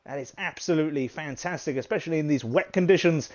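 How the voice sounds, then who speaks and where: Excitable man calling a sim race. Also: fairly high pitch, fast. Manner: excitable, chatty, British turns of phrase, frequent fillers. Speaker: race commentator. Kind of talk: live sim-racing commentary.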